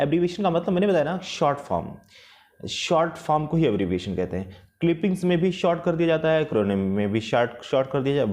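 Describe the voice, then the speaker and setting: A man teaching an English lesson with patience, repeating and rephrasing each point, slow and careful in English and quicker in the rest. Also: mid-range voice, a little mellow. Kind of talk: explanatory lesson mixing Hindi and English.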